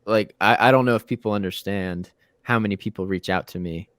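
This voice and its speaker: Low-voiced young host, dry and close. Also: male voice, fairly quick, a bit bright, no echo. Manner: conversational, repeats words, says "you know" and "bro". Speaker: podcast host. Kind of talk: casual podcast interview.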